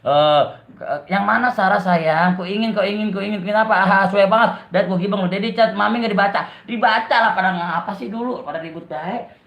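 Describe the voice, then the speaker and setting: A man's voice: high voice, fairly quick, gravelly, a bit bright. A man with a Betawi accent hosts a casual live stream, reading viewers' comments aloud and teasing them with a lot of laughter. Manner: joking and teasing, laughs often. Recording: dull, roomy lo-fi live stream.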